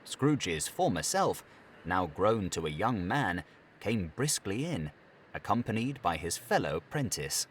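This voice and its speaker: A man reading an audiobook with expressive, theatrical narration. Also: deep voice, unhurried, slight background noise. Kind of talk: scripted narration.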